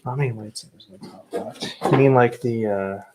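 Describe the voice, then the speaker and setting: Opening graded trading cards, a young man keeps his remarks understated and plain while talking a little fast. He calls himself not excitable, and background noise can be heard.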